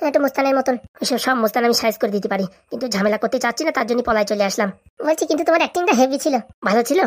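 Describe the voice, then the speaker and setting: A woman performing a comic sketch, trading rapid, bickering banter. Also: high voice.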